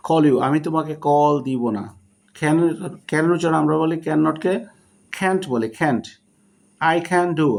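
In a spoken English lesson given in Bengali, a man slowly and deliberately says short English phrases, then translates them. His voice is fairly high and a little mellow.

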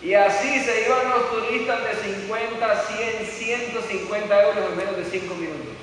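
Recorded at a distance in an echoey hall with slight background noise, a middle-aged seminar speaker delivers a motivational talk full of stories and rhetorical questions. His high voice holds a steady tone, a bit bright, at a moderate pace.

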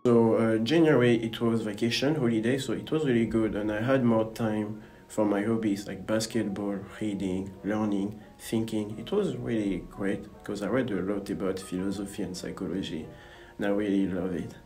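A young adult university student from Gabon speaks in a low, relaxed voice at a moderate pace. He's giving an interview to camera in an indoor university building lobby, with faint music under his voice.

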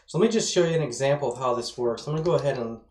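In a rapid-fire, mid-range voice that's a little mellow, a web development instructor in his thirties delivers an enthusiastic, informal screencast tutorial, slightly slurring as if numb from dental work. Recorded in a small bare-walled room, the audio is roomy and echoey with a little hiss or hum.

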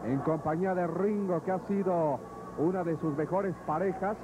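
A man's voice: high voice, normal speed. A man with a Mexican accent working as a wrestling commentator, calling a match live. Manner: narrates moves and recounts fighters' past bouts. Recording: noisy old television broadcast audio.

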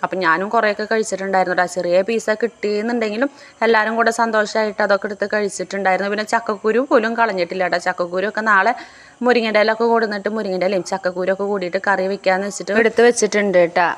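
Young pregnant woman, fast and chatty family vlogger, middle pitch. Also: steady tone. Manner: chatty, homely, adds tag words to sentences. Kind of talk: casual vlog narration.

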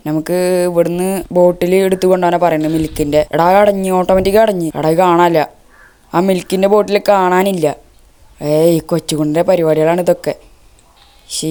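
This is a man running casual gameplay commentary. His voice is warm and smooth, never sharp. He talks to his viewers and grumbles jokingly at the mischievous baby in the game. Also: high voice. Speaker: gaming channel host.

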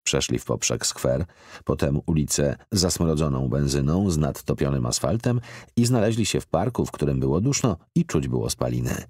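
A man narrating a literary audiobook in a measured, expressive reading. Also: rumbling low, husky, no echo. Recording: dry close studio recording.

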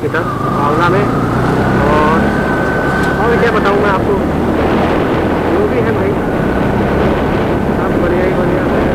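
A young man from Uttar Pradesh, a motovlogger chatting casually to his viewers as he rides through town streets, recorded on a helmet-mounted action camera. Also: fairly high pitch. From Uttar Pradesh, India. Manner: chatty and upbeat, talking to viewers while riding. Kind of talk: casual riding commentary. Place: outdoors on a motorcycle, town streets. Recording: loud engine and wind noise.

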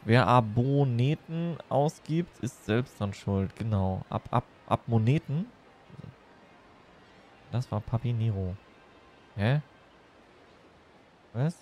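A man's voice: medium pitch, lively intonation, slow pace, long pauses, a little mellow, slight background noise. A man chatting casually and playfully as he livestreams a game, rambling from one thing to the next. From Germany. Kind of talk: casual chat while streaming a game.

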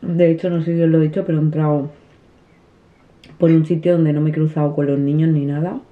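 In her thirties, this family vlogger eats at her dinner table in a small room at home while talking casually to a camera sitting close on the table. Her deep voice is level in tone, a little fast and soft, she keeps restarting, and the audio has a tinny, phone-like quality.

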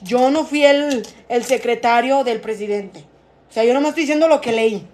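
A woman's voice: a little high, moderate pace, a little mellow, slight background noise. A young Mexican woman chatting casually on a live stream from home, rambling and swearing freely. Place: at home, alone.

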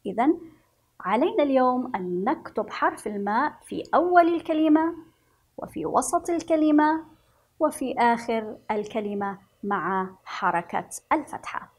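A Yemeni woman teaching a children's reading lesson, speaking slowly and encouragingly and stretching out letter sounds. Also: high-pitched, expressive. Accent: Yemeni Arabic. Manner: slow, sing-song, encouraging, drawn-out letter sounds.

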